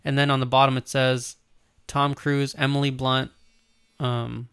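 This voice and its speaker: A man's voice: mid-range voice, flat delivery, a little slow, fairly bright tone, smooth, dry recording. Guy rambling about movie news, casual, lots of likes and ums, dry sound.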